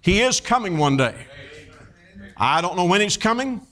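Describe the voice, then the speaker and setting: A man in his fifties preaches at a normal speed in a high voice. He's folksy and animated, telling stories marked by frequent fillers and restarts.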